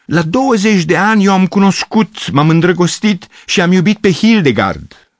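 A man's voice: low-pitched, animated, gravelly, husky, dry recording, exaggerated voice. A man voicing an aging male piano teacher who is pompous and self-pitying, with a theatrical, pathetic way of declaiming.

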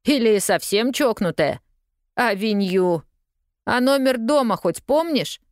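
A woman's voice: fairly high pitch, animated, slow pace, dry recording, studio quality, voice pushed up. A woman voicing a cocky young street newsboy who talks in a slangy, scoffing, drawling way.

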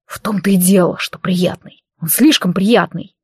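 A woman's voice: medium pitch, normal speed, slightly rough, no echo, natural voice. Lady reading as a grumpy werewolf guy, growly, dry close mic. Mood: sulky. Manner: growling, barking shouts. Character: hulking furious male werewolf, gruff.

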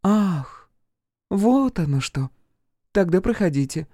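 A man voicing an emotional, quick-tempered young woman in a storybook reading, in a high, excitable and indignant voice. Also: no room sound, clean studio sound, full character voice. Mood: anxious, demanding.

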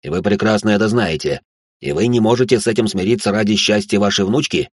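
A defiant, hot-tempered father, played by a man in an audiobook. He argues back indignantly in a low, husky voice. The sound is close and dry. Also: fast talker, dry recording. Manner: tense, indignant, shouting back.

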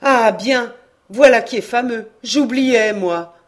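A woman's voice: medium pitch, moderate pace, natural voice. A woman reading a novel aloud, voicing a cheerful young sailor who tells his tale eagerly. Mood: surprised. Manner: lively, cheerful, exclaiming.

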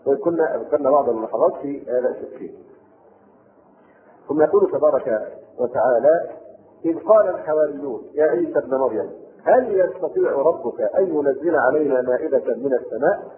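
A man with an Egyptian accent teaching a Quran commentary lesson, reading classical text and explaining it in colloquial asides, on a tinny old recording. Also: fairly high pitch. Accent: Egyptian Arabic. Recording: tinny lo-fi lecture tape.

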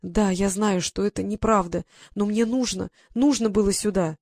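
A woman's voice: mid-range voice, fairly even intonation, moderate pace, a little mellow, no echo, clean studio sound, natural voice. A reader voicing a frightened, naive young English lady who pleads and holds back tears. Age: young adult. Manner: pleading, tearful.

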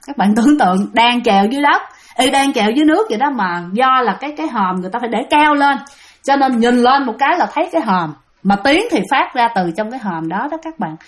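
Woman, Southern Vietnamese accent, fairly high voice, casual ghost storytelling, talks to listeners. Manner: chatty, keeps addressing listeners.

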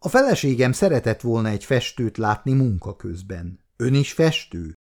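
A man's voice: medium pitch, sing-song, a little mellow. A man voicing Bandi, a tactful, well-off husband who speaks politely.

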